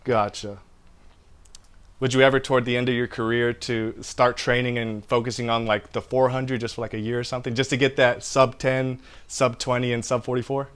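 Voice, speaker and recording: A man's voice: medium pitch, little pitch movement, fairly quick, fairly bright tone, smooth. A man hosting a casual interview, laid-back and affirming as he asks questions. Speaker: podcast host.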